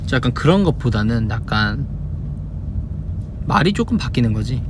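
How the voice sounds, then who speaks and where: A young man from Busan, South Korea, an idol hosting a livestream, chats casually in a Busan Gyeongsang Korean accent, answering fan questions and demonstrating dialect phrases. He speaks at normal speed in a mid-range voice, with steady car noise behind him.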